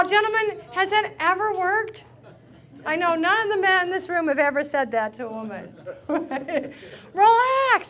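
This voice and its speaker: A woman's voice: high-pitched, a bit bright. A woman giving a playful relationship talk to a live audience, often asking the room questions. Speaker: relationship speaker.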